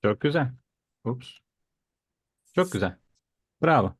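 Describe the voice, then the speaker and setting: A man's voice: mid-range voice, sing-song, slow, breathy edge, no room sound, clean studio sound. A man teaching an interactive online language lesson, encouraging his students as he explains and gives examples. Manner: encouraging, praising. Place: online video class.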